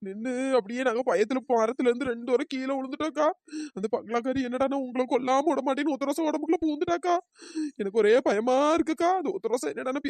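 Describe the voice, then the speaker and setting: A woman voicing a frightened, breathless young village girl in a cartoon, pitch-raised and begging. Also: darkish tone, no echo. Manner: begging, repeats short pleas. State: out of breath, tearful. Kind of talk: cartoon voice acting.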